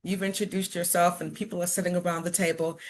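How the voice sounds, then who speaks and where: Quick-paced and on the low side, this woman's level voice carries slight background noise. She's a middle-aged Chicagoan, a motivational speaker who stutters and repeats words while personally addressing an audience with earnest encouragement.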